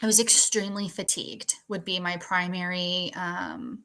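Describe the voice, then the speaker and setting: Interviewee: woman, 40s, gravelly and bright, low-ish, matter-of-fact. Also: big pitch swings, normal speed. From Canada. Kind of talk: recalling illness in an interview.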